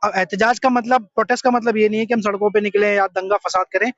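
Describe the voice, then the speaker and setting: In a street interview, a young man with a very high, fairly bright voice earnestly explains his view point by point, mixing in English terms. He talks fast with little pitch movement, and the audio is dry, close, dull, and lo-fi with no echo.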